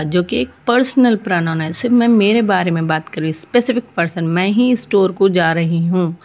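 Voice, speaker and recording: A woman teacher giving a grammar lesson, reading English examples slowly and explaining them in a mix of Hindi and English. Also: fairly low pitch. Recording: dull lo-fi sound.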